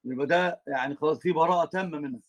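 Egyptian sheikh, brisk and lively, teasing his class mid-lesson. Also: on the high side. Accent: Egyptian Arabic. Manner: animated, teasing students, switches between colloquial and formal Arabic. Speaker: sheikh teaching a religious lesson. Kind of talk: religious lesson with banter.

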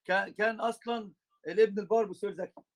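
A man with an Egyptian accent teaching a religious lesson, animated and teasing his students, switching between colloquial and formal Arabic. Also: high-pitched, racing.

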